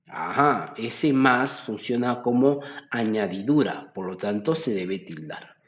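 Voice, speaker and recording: A man's voice: on the low side, animated, slow pace, echoey room, lo-fi sound. A man tutoring through exam solutions, explaining step by step and often checking in with the listener. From Peru.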